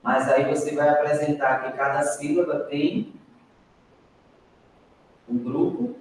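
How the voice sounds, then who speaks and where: A man's voice: a little high, steady tone, slow, slight background noise. Brazilian male teacher in an echoey room. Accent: Brazilian Portuguese. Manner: adds "né?" often, prompts the group to answer. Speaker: teacher leading a training session. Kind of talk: classroom teaching, asking the group questions. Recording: echoey classroom, recorded from a distance.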